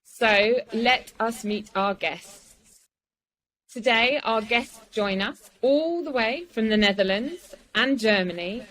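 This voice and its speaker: A woman's voice: fairly high pitch, slow, a bit bright, low-quality recording. A woman hosting a podcast, welcoming and interviewing guests. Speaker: podcast host.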